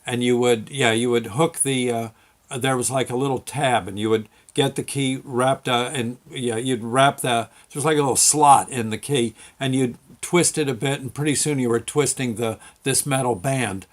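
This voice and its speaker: An older man telling a rambling childhood story as host, halting and full of fillers. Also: medium pitch, fairly even intonation. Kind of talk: casual anecdote storytelling.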